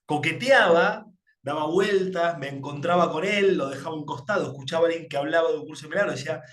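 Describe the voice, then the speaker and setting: A man's voice: fairly high pitch, quick pace, fairly bright tone. Reflective Argentine man with a roomy echo. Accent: Argentine Spanish. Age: 40s. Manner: reflective, with frequent filler tags and repetitions. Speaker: spiritual teacher. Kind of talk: personal storytelling in a workshop.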